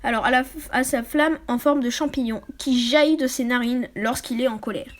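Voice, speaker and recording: A woman reading a book aloud for her channel. She often trips over words, corrects herself, and drops into quick, quiet asides. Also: fairly high pitch. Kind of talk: casual read-aloud with asides.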